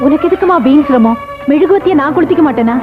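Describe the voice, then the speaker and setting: A woman's voice: high-pitched, expressive, fast talker. A woman playing a scheming mother-in-law who turns nervous and evasive. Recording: dull lo-fi film soundtrack with music.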